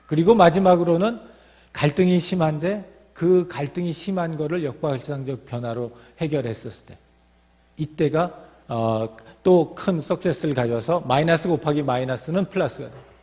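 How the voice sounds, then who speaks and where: Male lecturer, explanatory, a bit high, echoing lecture hall. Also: darkish tone. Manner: explanatory, with fillers and restarts. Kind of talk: lecture talk. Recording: long reverb of a hall.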